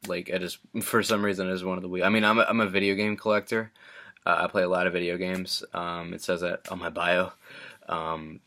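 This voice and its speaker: A teenage man chatting in a casual vlog with a deep, low voice that stays fairly flat. His tone is bright and forceful. He rambles, stumbling through restarts and fillers. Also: brisk. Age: teens. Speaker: vlogger and hip-hop artist.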